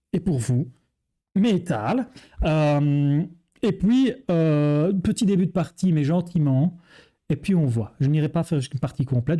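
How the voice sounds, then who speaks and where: A man with a Belgian French accent walks through a card game box in a relaxed, jokey manner. His voice sits a little high but sounds warm and mellow, and he talks to the viewer like a friend. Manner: jokey, chatty, addresses viewer as tu. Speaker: board game reviewer. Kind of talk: casual game presentation.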